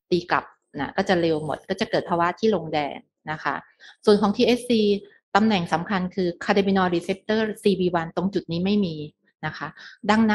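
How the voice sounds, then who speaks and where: A middle-aged woman giving a medical lecture, explaining step by step with English terms and frequent polite particles. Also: mid-range voice.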